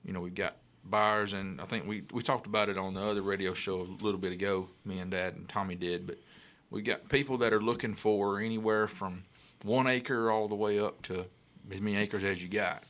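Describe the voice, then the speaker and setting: Male radio co-host, fairly low voice, folksy and plain-spoken, in loose casual chat. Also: fairly even intonation, fairly quick, few pauses, fairly bright tone. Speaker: radio co-host, real estate agent. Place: radio studio.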